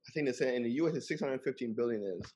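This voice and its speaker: A man's voice: mid-range voice, very fast, a little mellow, slightly rough. A middle-aged man speaking as a guest in a casual discussion, earnest, often repeating words as he builds a point.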